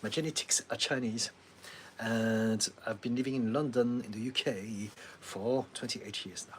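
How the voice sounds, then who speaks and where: On a livestream, a middle-aged man from France speaks in a fairly low, French-accented voice as a therapist responding to viewers. Calm and advisory, he laughs frequently and says um a lot, and a faint hiss or hum runs underneath.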